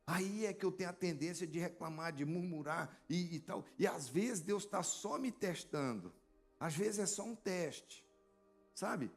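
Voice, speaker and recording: A man's voice: high voice, animated, a little slow, vocal fry, soft background music. A man preaching a sermon as a pastor, telling stories and speaking directly to the congregation. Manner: conversational storytelling preaching, addresses congregation directly.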